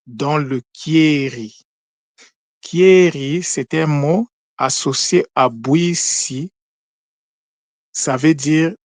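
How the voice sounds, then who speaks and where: Slow, deliberate male teacher. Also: medium pitch, dry recording. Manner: slow, deliberate, with many pauses and fillers. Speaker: language teacher. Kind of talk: spoken lesson on word meanings.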